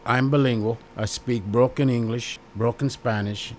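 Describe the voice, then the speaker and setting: A middle-aged man with a Chicago accent, talking plainly and bluntly to his viewers. His pitch sits in the middle of the male range, and he hammers his points home by saying them again and again in short, simple phrases. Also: fairly even intonation, moderate pace, a little hiss or hum. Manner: blunt and plain-spoken, repeats phrases for emphasis. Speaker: YouTube host. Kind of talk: casual direct-to-camera commentary.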